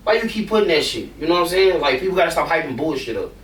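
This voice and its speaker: A man's voice: on the high side, animated, racing, fairly bright tone, echoey room, distant mic, a little hiss or hum. A man, a rapper, talking casually and bluntly in an interview, rambling and swearing freely.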